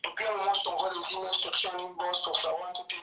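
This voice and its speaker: A caller on a live stream who speaks politely and flatteringly. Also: mid-range voice, very fast, crowd noise. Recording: roomy distant call with noise.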